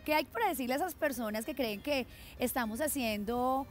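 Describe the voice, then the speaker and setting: Woman, Colombian accent, high voice, chatty talk show host, faint music behind. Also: brisk. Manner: reads out viewer comments, conversational. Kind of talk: casual chat.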